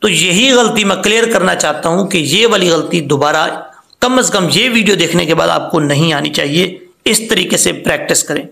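A man with a high, bright voice and a gravelly edge teaches Quran reading at an unhurried pace. He spells out each syllable patiently, then chants the word slowly. The sound has a roomy echo.

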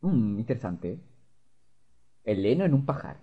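A man's voice: mid-range voice, very animated, measured pace, husky, phone-quality sound. A young man playing a horror game, swearing and joking as he reads the dialogue aloud. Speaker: gamer. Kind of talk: let's play commentary.

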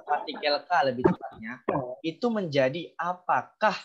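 A man teaching an online language class, prompting students and explaining grammar in a relaxed, encouraging way. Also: fairly high pitch, normal speed, muffled recording, slight background noise.

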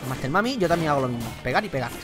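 A young man with a Spain Spanish accent giving excitable, slangy live commentary while playing a fighting game and chatting to his viewers. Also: on the high side, rapid-fire. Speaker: gaming YouTuber. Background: game music.

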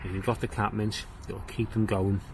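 A man with a fairly low voice strolls through his walled garden, chatting casually about what is growing. He talks plainly and at an easy pace, pointing things out as he goes. A faint outdoor ambience sits behind him. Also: little pitch movement, a little mellow, slight background noise. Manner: plain-spoken, unhurried, explains as he walks. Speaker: gardening vlogger.

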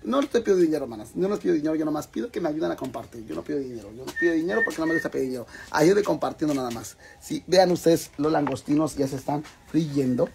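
Against a noisy background, a man with a fairly high, gravelly voice talks quickly and expressively, hardly pausing. He hosts a rowdy, casual cooking live stream in a Mexican Spanish accent, swearing freely and calling viewers "hermanas."

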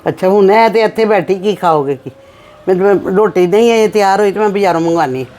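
A woman with a Punjabi accent playing a prying, brisk mother-in-law. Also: mid-range voice, warm tone, close to an everyday voice. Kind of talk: family drama acting.

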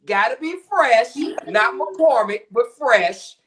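Via webcam on a video call from his home kitchen, a middle-aged cooking show contestant plays around while demonstrating a recipe, throwing in slang and puns. He sounds very high-pitched, expressive, and a bit bright at a slow pace, with slight background noise.

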